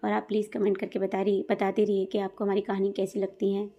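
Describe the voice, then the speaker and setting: A woman storyteller reading a moral family story aloud in a steady, plain way, and asking her viewers to comment and subscribe. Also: medium pitch, fast talker, muffled recording. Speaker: storyteller, channel host. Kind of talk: storybook narration.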